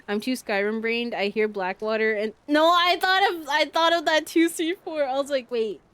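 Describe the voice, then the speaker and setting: A woman's voice: high voice, fairly even intonation, normal speed, fairly bright tone, clear, resonant tone, no room sound. Giggly, chatty woman streamer. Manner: playful, giggly, chatty, with jokey bursts. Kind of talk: casual gameplay commentary.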